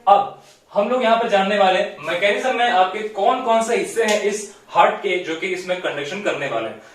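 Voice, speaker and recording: A man teaching a biology class at a whiteboard. He explains step by step, keeps checking in with the class and mixes English terms into his talk. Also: high voice. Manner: explanatory, repeats "theek hai" often, mixes English terms. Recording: very echoey room, distant mic.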